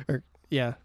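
A man's voice: no room sound, clean studio sound. A man co-hosting a podcast, chatting casually about sports, blunt and teasing, swearing freely. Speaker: podcast co-host.

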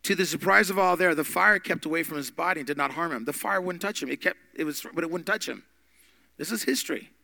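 A man teaching a Bible study podcast, emphatic, with big swings in loudness. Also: fairly high pitch, creaky, dry recording.

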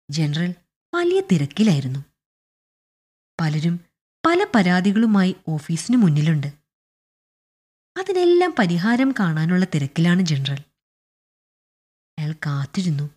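A woman narrating a retold short story in an expressive, deliberate storytelling manner. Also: lowish voice, slightly rough.

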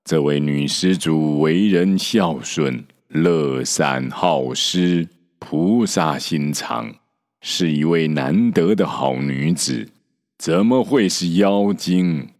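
A man voicing a gentle but stubborn old male monk in a storybook reading, measured and reproachful. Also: extremely low pitch, big-room sound, heavily acted. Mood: scolding. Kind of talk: storybook character voice.

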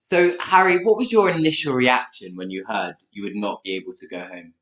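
A man's voice: medium pitch, fairly quick, a bit bright. A man introducing a news item and putting prepared questions as a radio interviewer. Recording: echoey, slightly dull audio.

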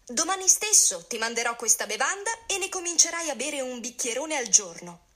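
A woman's voice: high voice, big pitch swings, fairly quick, pushed and bright, exaggerated voice. A woman voicing a pompous, sly doctor who gives false reassurance in a told tale. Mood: reassuring.

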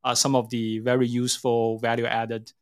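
Speaking at a moderate pace in a clean, monotone mid-range voice, a middle-aged Hong Kong-accented man fields interview questions. He's a tech company CEO appearing as a guest, and his answers come out tentative and explanatory, with frequent rewording.

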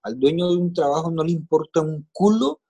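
A man's voice: on the high side, fairly quick, mellow, breathy edge. A middle-aged man with a Colombian accent tells his life story in an interview, emotional and plainspoken, with coarse slang and repeated phrases. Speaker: interview guest. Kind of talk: personal life story in casual conversation.

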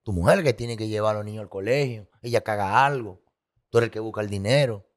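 A man's voice: on the low side, quick pace. A man telling his personal story as a guest, candid and emotional, with vivid sound effects and repetition.

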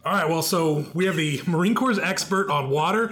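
A man's voice: a little high, brisk, a bit bright. A man hosting a podcast interview, asking questions in an upbeat, joking conversational way. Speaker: podcast host.

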